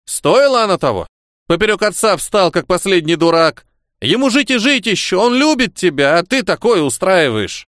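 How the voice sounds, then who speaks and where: Stern elderly grandma, played by a male reader, raised pitched and clipped, no room sound. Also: big pitch swings, moderate pace, fairly bright tone, no echo, studio quality. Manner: scolding, curt, commanding. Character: stern old grandmother, a retired chief surgeon.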